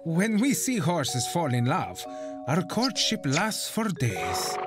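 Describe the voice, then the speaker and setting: A romantic cartoon seahorse, speaks in a fairly high male voice that swings up and down. He is polite, chatty and slightly hesitant, with a love of snacks, and music plays behind him. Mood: dreamy, romantic. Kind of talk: educational cartoon monologue.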